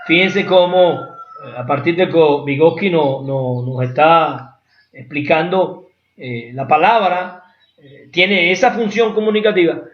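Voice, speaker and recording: Man, lecturer, fairly high voice, roomy echo, muffled lo-fi sound. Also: a little slow. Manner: explanatory, with rhetorical asides and acted examples. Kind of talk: academic lecture. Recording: echoey room, dull lo-fi sound.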